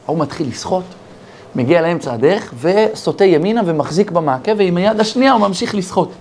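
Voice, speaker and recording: A man's voice: sits high, a little hiss or hum. A man, a rabbi with an Israeli accent, giving a sermon full of parables and acting out the dialogue in his stories. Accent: Israeli Hebrew. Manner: animated storyteller acting out dialogue.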